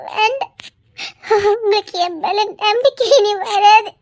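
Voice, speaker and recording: Woman acting a weeping, pleading young woman, very high pitched, audio drama heroine. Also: a little slow. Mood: desperate confession. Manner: weeping, pleading, laughing through tears. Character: tearful young woman torn between love and a forced mission.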